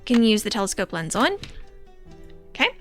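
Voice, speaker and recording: A woman's voice: mid-range voice, big pitch swings, moderate pace, a bit bright, soft background music. A woman giving chatty, giggly commentary as she plays a game. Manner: chatty, giggly, easily delighted. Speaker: gamer.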